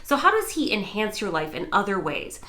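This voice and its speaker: A middle-aged vlogger and news anchor from the United States talks briskly to camera in a personal vlog, her medium-pitched voice carrying a sing-song lilt. She is earnest and enthusiastic, telling stories with warmth.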